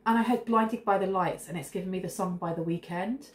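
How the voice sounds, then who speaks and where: Brisk and on the low side, this woman in her thirties gives a tarot reading to camera in her kitchen at home. She has a cold and sniffles, talking in a chatty, intuitive, rambling way, recorded in an echoey room with a faint hiss.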